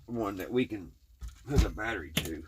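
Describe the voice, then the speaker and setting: Against background noise, a lowish, expressive voice at moderate pace comes from a Kentucky man who runs a hobby repair channel. In his Kentucky Southern accent, he rambles to viewers in a plain, casual, folksy way while working with his hands.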